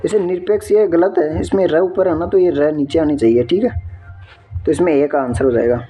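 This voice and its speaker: A man with a slightly raised pitch and a dark, husky voice walks through exam answers one by one. He checks in with his viewers after each point. Faint music sits under his voice. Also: moderate pace. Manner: explains step by step, often checking in with "ठीक है". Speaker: exam tutor. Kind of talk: answer key walkthrough.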